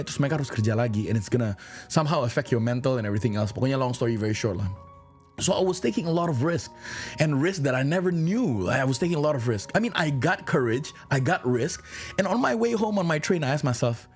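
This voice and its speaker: A man's voice: mid-range voice, a little mellow. A man with an Indonesian accent telling a motivational life story as a vlogger, earnest and slipping between English and Indonesian.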